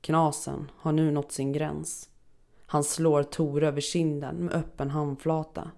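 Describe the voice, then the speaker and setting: A woman narrating a first-person horror story in a steady, dark storytelling manner. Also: deep voice, gravelly.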